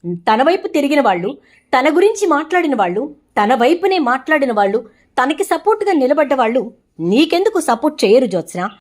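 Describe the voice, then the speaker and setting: A woman's voice: high-pitched, sing-song, fairly quick. A woman voicing a stern middle-aged mother who scolds in a cutting, emphatic way. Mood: scolding.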